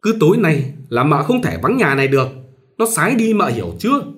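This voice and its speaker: A bossy old mother-in-law, scolding and superstitious, heard in a read-aloud novel, as a male narrator puts her on. Her voice sits well above his own and rides loud, high peaks. She swoops from coaxing to shrill lecturing. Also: very animated, brisk.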